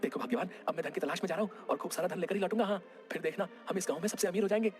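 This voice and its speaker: A greedy, self-satisfied villager, played by a man in a cartoon, talking in over-the-top exclamations. His voice sits high for a man and the lines come fast, with light music behind. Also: darkish tone, lightly acted. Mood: boastful. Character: greedy, boastful village man, pleased with himself. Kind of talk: cartoon dubbing.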